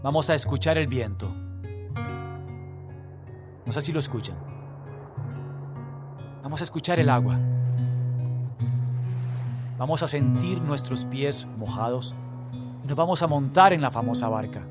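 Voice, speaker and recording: A man reading a Gospel passage and then leading a guided prayer meditation in a measured, inviting way. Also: medium pitch, expressive, over loud music. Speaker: scripture reader and prayer leader.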